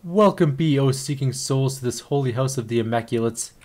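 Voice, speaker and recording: A man's voice: medium pitch, fairly quick, darkish tone, pitched above the performer's own voice, close to an everyday voice. A man voicing a zealous male cult priest who talks in pompous, ceremonial phrasing. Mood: solemn.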